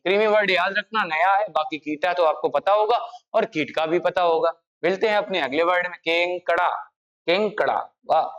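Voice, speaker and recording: A man teaching an exam-prep language lesson in a chatty, joking way, repeating key words slowly. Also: high-pitched, fairly bright tone, lo-fi sound. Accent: Hindi.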